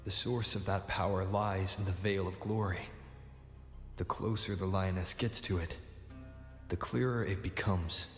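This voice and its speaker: A man playing a calm, solemn fantasy traveller and seer in a video game, his voice heavily reverberant. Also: deep voice, unhurried, faint music behind. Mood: solemn, reflective. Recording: heavy echo and long reverb.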